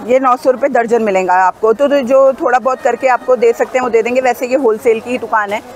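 On a phone, a woman films herself walking through an outdoor wholesale market, telling viewers about prices and haggling with vendors. She's a shopping vlogger with a fairly high voice and a fairly quick pace. The recording is low quality, with slight background noise.

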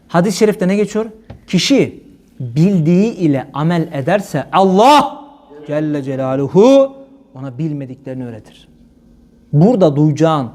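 A man from Turkey preaching to a congregation, switching between loud fervent exhortation and low earnest tones. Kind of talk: religious talk to a congregation.

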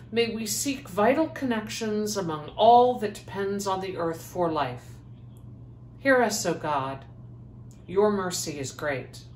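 Slow woman reading prayers in echoing church. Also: medium pitch. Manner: measured, solemn reading. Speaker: lay prayer leader. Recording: echoey church space, faint background noise.

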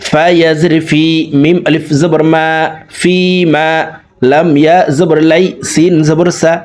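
Slightly high, level and darkish, his voice carries a Bangladeshi Bengali accent as he teaches Quran reading. He spells out every letter and vowel sign before chanting the full words. Rapid, plain commentary sits between long chanted lines in this slow spelling-out lesson.

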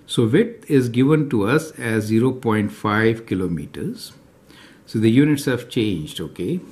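A man teaching a recorded math lesson, working through problems step by step and often checking in with "right?" and "is that clear to you?". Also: medium pitch, animated, measured pace, darkish tone. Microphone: off-camera voice over handwritten notes.

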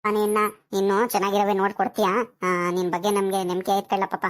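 A woman voicing a fussy, scolding old village grandmother in an animated comedy. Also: medium pitch, fairly quick, natural voice. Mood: coaxing. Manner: scolding, fussy, calls others "kalla paapa".

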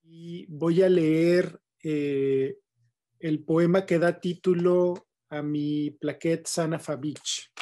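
A man reads his own poems at an unhurried, measured pace. His voice sits a little high yet sounds mellow and dark. He recites deliberately, leaning hard on each repeated line. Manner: slow, deliberate recitation with emphatic repetitions. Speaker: poet. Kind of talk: poetry reading.

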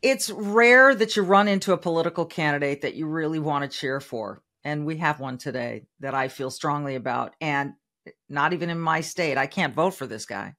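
A woman's voice: deep voice, normal speed, a bit bright. A middle-aged woman hosting an interview podcast, introducing her guest in an upbeat, conversational way from a home office studio mic. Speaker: podcast host. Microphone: studio microphone on arm.

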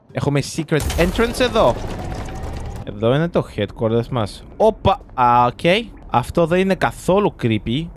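A young man, chatting through live gameplay commentary and reacting loudly to what happens on screen. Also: medium pitch. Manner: chatty, reacts loudly to the game, mixes in English words. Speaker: gaming YouTuber.

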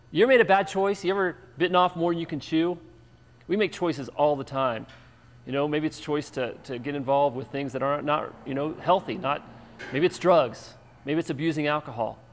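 Energetic preaching man in an echoey hall. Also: a little high. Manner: animated storytelling, lively and emphatic. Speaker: pastor and show host. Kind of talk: energetic sermon.

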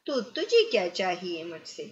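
A woman's voice: lowish voice, huge pitch swings. A woman voicing an arrogant man who angrily threatens and demands payment. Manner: harsh, threatening. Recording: muffled lo-fi recording.

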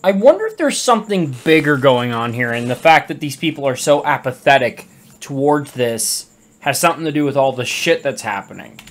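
A woman with a low voice plays through a video game and talks over it in a loose, casual way. Her pitch swings widely as she reacts, and she swears without a second thought. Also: very animated, brisk. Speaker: let's play gamer. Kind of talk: casual gameplay commentary.

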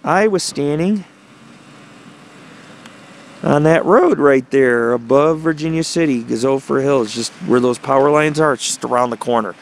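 Speaking at a moderate pace in a mid-range voice, a male vlogger and paranormal investigator gives a chatty, rambling tour of a small town street, talking into a handheld camera outdoors. The camera mic captures a noisy recording full of traffic ambience.

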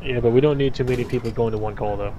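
A man's voice: mid-range voice, fairly even intonation, racing. A man playing a police supervisor, calling in over a lo-fi radio in short, matter-of-fact codes. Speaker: police supervisor in a game roleplay. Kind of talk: police radio roleplay chatter. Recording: dull lo-fi audio with loud noise.

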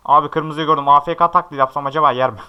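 A young man commenting live on a game as he plays, talking to his viewers, often shouting at opponents and then chatting in quick asides. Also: on the high side, steady tone, clean tone, muffled recording. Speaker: gaming YouTuber.

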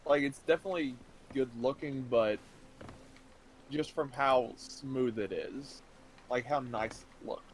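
A young man chatting casually with a friend over a game, relaxed and swearing freely. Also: medium pitch, a little slow, pauses often, slight background noise, low-quality recording. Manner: laid-back, swears freely. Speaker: co-player, friend. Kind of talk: casual chat while gaming.

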